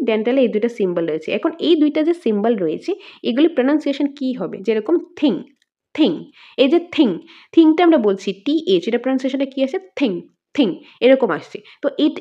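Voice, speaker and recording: A woman's voice: high-pitched, warm tone, highs cut off. A woman teacher, giving an exam-prep lesson and repeating terms and example words aloud as a drill.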